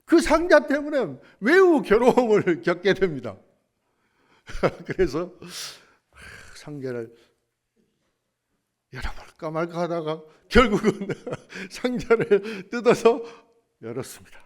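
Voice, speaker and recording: Animated male pastor preaching a sermon. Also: sits high, slow, pauses often. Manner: animated preaching, acts out voices in an anecdote.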